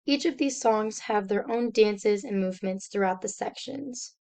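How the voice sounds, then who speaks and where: A young woman, a student, reading a slide presentation aloud in a steady, step-by-step explanatory way. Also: medium pitch, moderate pace.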